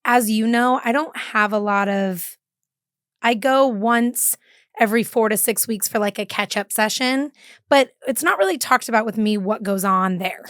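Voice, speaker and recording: A woman's voice: fairly high pitch, moderate pace, a bit bright, no echo, clean studio sound. A woman guest, a mother, chatting casually and agreeably about her daughter. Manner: agreeable, frequent affirmations and laughs. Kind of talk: casual chat.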